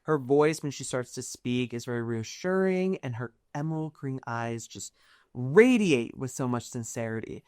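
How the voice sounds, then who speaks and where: A woman's voice: extremely low pitch, lively intonation, moderate pace, darkish tone. A woman narrating a tabletop game as game master in a casual, chatty way with many fillers.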